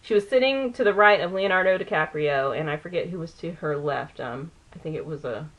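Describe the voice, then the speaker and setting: A woman's voice: deep voice, expressive, brisk, a bit bright, muffled recording. A woman vlogger chatting casually while doing her makeup, rambling and often losing a word mid-sentence. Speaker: beauty vlogger. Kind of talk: chatty get-ready-with-me.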